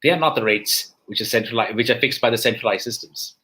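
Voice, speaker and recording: Middle-aged male lecturer, bright tone, asks rhetorical questions and plays out little scenes. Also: medium pitch, quick pace. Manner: rhetorical questions, acts out bank clerks. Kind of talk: lecture to young students.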